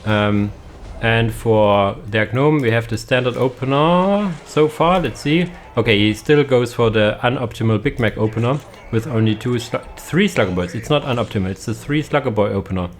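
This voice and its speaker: A man's voice: mid-range voice, lively intonation, moderate pace, few pauses, slight background noise. A young man giving casual, hesitant commentary on a strategy game match, with many fillers and restarts. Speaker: caster.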